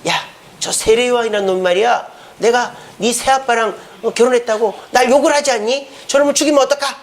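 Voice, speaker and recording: A man voicing a spiteful, scheming mother who quietly talks her daughter into a plot. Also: very high voice, fairly even intonation, brisk. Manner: conspiratorial, persuasive.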